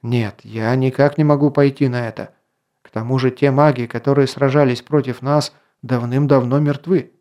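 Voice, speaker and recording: An earnest young king, quiet and stubborn, with a low, mellow voice, as an audiobook narrator plays him. He speaks slowly and holds back his emotion. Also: steady tone, natural voice.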